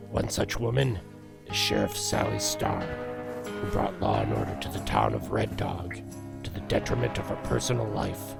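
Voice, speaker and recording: A man playing a rugged, manly cowboy Cupid who narrates a comic-book western in a gravelly, grandiose, folksy way. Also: sits low, big pitch swings, moderate pace, over loud music, exaggerated voice. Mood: storytelling. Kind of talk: theatrical scripted narration.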